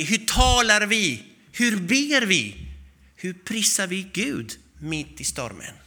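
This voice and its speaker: A man preaching a sermon, telling a story with animated, acted-out voices. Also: high-pitched.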